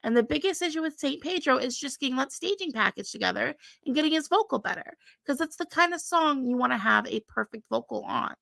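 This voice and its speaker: A woman in casual chat on a video call, giving quick, opinionated takes. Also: high-pitched, animated, gravelly, fairly bright tone, no echo.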